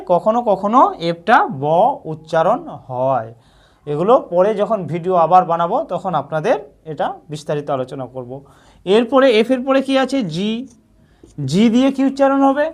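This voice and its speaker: A woman teaches a beginners' lesson in a patient, repetitive way. She asks a question, pauses, then answers it herself. She keeps checking in with the same short "all right" phrase. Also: mid-range voice. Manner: repeats "ঠিক আছে" often. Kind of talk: scripted narration.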